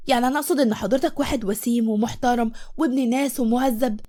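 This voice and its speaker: A woman's voice: fairly high pitch, fairly even intonation, rapid-fire, dark tone, close to an everyday voice. A woman doing a gushing devoted young nurse. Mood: eager. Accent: Egyptian Arabic. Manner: eager, gushing. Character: eager young female nurse, devoted and outspoken. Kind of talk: storybook voice acting.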